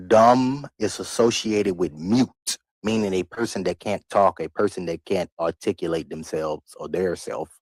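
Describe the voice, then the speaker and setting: A man's voice: lowish voice, a little mellow, no echo. A man streaming live, giving loose, rambling reaction commentary into a microphone, repeating himself and laughing between remarks. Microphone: desk microphone.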